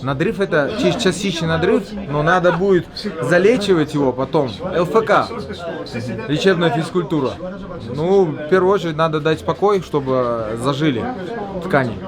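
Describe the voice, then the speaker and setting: A man's voice: on the high side, moderate pace. A man, a fighter, talking casually and colloquially in short bursts in an interview. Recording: noisy crowd behind voice.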